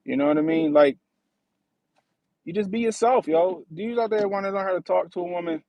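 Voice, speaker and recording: A livestream host in his thirties speaks in a high-pitched, brisk voice, captured with dull audio. His talk is slangy and profane, and he keeps asking "you know what I mean."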